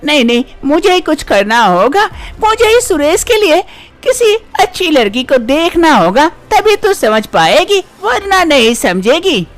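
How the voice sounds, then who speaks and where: A woman's voice: sits high, big pitch swings, measured pace, voice pushed up. A woman voicing a domineering older mother-in-law in a cartoon story, who scolds, taunts and makes threats. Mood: scolding. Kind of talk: storybook voice acting.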